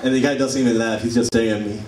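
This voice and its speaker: A young adult Puerto Rican comedian does a stand-up set on a comedy club stage, playfully working the crowd in Spanish-accented English. His mid-range, slightly mellow voice is rapid-fire with fairly even intonation, captured from a distance in an echoey live room over a laughing audience.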